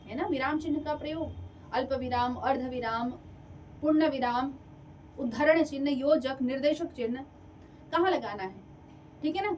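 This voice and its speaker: A woman with a high voice teaches an exam-prep lecture, repeating key points and checking that her listeners follow. She sounds a little distant from the mic, with a faint hiss of background noise. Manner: lively, repeats and checks for understanding.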